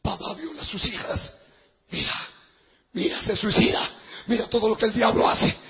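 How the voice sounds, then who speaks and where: A man's voice: sits high, animated, normal speed, creaky, voice pushed down. A man voicing God urging him to look at the world's evil and preach. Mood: urgent. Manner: insistent, repeating commands. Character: God speaking urgently to a man, commanding. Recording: dull with long hall reverb.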